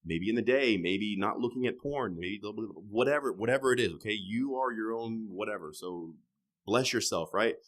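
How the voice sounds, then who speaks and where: Speaking in a lowish, expressive voice at a moderate pace, a man in his thirties guests on a podcast. His casual talk is laced with swearing and shifts from loud emphasis to quiet, trailing comments.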